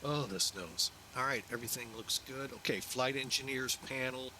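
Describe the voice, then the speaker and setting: A man with a bright, crisp-edged voice hosts a flight simulator stream. He talks casually, step by step through his procedures. A light bed of aircraft ambience sits behind him, and his pitch stays in a middle male range. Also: normal speed, slight background noise. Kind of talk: casual live-stream commentary while running checklists.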